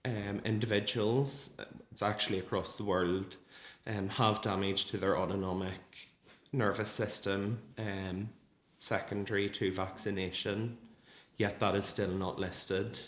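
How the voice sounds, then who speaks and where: Earnest low-voiced man in echoey hall. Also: steady tone, fairly bright tone. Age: 30s. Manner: earnest, measured, with frequent ums. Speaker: nurse speaking at a support group event. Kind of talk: personal testimony speech. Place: large gallery hall. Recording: echoey hall with faint ambience.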